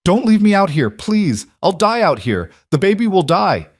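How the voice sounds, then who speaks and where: A man's voice: expressive, slow, warm tone, no room sound, clean studio sound. A man voicing a desperate young pregnant wife who pleads with her husband in a raised, pleading voice. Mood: frantic. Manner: pleading, breaking into high cries.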